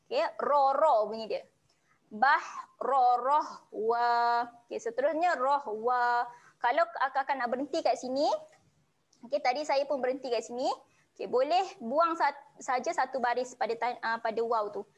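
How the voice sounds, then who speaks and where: A woman with a Malaysian Malay accent teaching Quran recitation online, explaining each sound patiently and slowly chanting the verses. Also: high-pitched. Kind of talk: online tajwid lesson.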